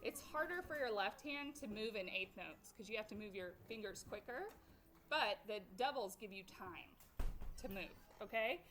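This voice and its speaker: A woman's voice: mid-range voice, animated, moderate pace, slight background noise. Woman counting off a violin class. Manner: counts off and sings rhythms aloud. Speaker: violin teacher. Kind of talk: group music class instruction. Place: music classroom with students playing. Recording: loud violin playing behind the voice. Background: violins playing loudly.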